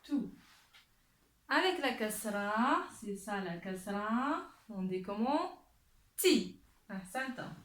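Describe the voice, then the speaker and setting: Slow, patient woman teaching letters. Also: medium pitch, expressive, fairly bright tone. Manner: slow, drawn-out modeling of words. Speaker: Arabic teacher. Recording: echoey room.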